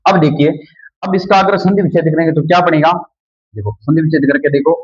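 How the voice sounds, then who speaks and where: A man's voice: on the high side, fast talker, breathy edge, no echo. A man teaching a grammar lesson, repeating each key word back as a question to his students. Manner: calls students "friends" often. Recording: dull lo-fi sound.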